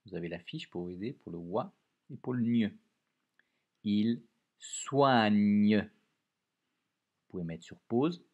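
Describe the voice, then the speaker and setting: A man teaching, giving a dictation to young pupils, speaking slowly and stressing each dictated word clearly. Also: low-pitched, animated, mellow, lo-fi sound.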